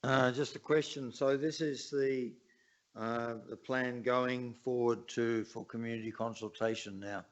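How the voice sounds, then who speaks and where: A man councillor asking a question at a council meeting in a halting, hesitant way. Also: medium pitch, steady tone. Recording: dull muffled council chamber audio.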